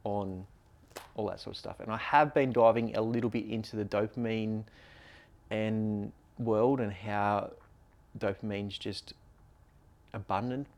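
Low-voiced man chatting on a podcast. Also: steady tone, unhurried, long pauses, a little mellow. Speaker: podcast co-host. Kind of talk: casual podcast chat.

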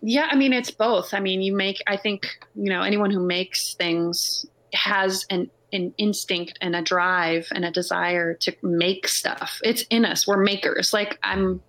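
A woman's voice: mid-range voice, fairly even intonation, measured pace, hardly any pauses, a bit bright. A woman songwriter talking casually about making music, rambling with lots of "like" and "you know". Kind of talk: casual conversation.

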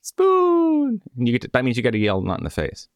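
A man's voice: fairly low pitch, racing, no echo, studio quality. A man hosting a podcast in casual chat, rambling and correcting himself as he goes. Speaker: podcast host.

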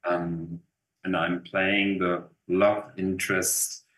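This actor in his fifties, German-accented, wanders through a casual interview with fillers and restarts. He's low-pitched, slow, and flat in delivery, with a slightly bright tone, recorded in a roomy, echoing space.

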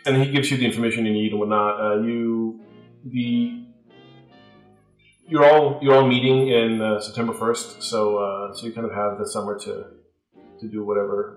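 A man narrating a tabletop game as game master, with a halting delivery full of fillers. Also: on the low side, echoey room, rough recording.

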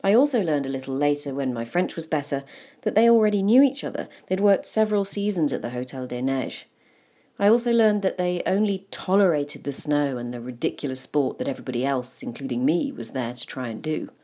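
A woman's voice: sits low, mellow. A woman narrating a personal memoir in a wry, self-deprecating way. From England.

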